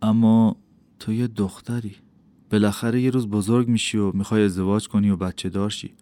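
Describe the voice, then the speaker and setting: A man reading an audiobook, voicing a wise, kindly old teacher who speaks slowly and gravely. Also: on the low side, level tone, no echo, lightly acted. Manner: slow, grave, warm. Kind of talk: audiobook character voice.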